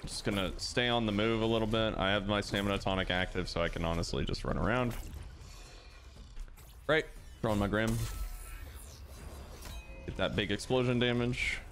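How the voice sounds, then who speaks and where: A man giving relaxed, explanatory commentary over a game he is playing, with plenty of fillers as he talks through each move. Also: on the low side, normal speed, pauses often, soft background music. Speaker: gaming channel host. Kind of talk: casual gameplay commentary.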